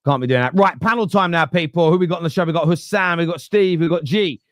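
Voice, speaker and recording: A man's voice: fairly high pitch, fast talker, no room sound, clean studio sound. A man in his late thirties hosting a live football fan podcast, chatty and joking. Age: 30s. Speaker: podcast host.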